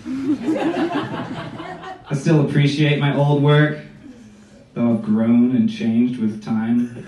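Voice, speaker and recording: In a small comedy club, indoors with an audience, a nasal-voiced American man in his late twenties performs a dry stand-up set. His voice is mid-range and stuffy, and he holds a handheld mic. Someone in the crowd recorded it on a phone from far off, so the sound is roomy, with audience laughter in the background.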